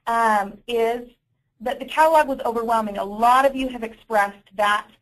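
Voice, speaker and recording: Heard over poor-quality conference call audio, a woman with a fairly high voice presents a business training webinar at normal speed. Her style is informal, and she corrects herself as she goes.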